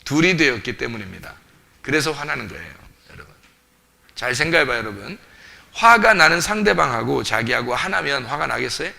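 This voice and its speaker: A man's voice: medium pitch, big pitch swings, brisk, creaky, sharp tone. A man preaching a sermon as pastor, emphatic, repeating short phrases and asking the congregation questions, recorded in a church. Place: church sanctuary.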